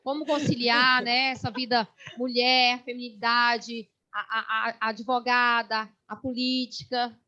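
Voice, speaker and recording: A woman's voice: fairly high pitch, flat delivery, a little slow, sharp tone, highs cut off. A woman with a Brazilian accent hosting a panel, chatty and praising her guest. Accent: Brazilian Portuguese. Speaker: panel host. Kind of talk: panel discussion.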